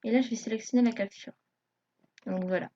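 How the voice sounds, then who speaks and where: A woman narrates a live screen tutorial in a mellow, slightly husky voice. She hesitates often, filling pauses as a nervous beginner would. The recording sounds dull and lo-fi. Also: a little high, steady tone. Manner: hesitant, many fillers, self-conscious beginner. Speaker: YouTube tutorial maker.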